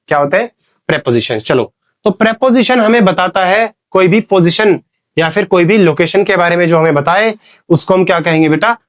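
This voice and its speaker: High-voiced Indian man teaching grammar. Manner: explains in Hindi with English examples, quizzes students. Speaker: English teacher. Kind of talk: classroom lesson.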